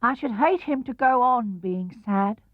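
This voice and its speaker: A man's voice: very high voice, animated, measured pace, dry recording, pitched above the performer's own voice. A man voicing a timid, very small piglet in a children's storybook, doubtful and earnest. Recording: muffled 1970s cassette-era recording.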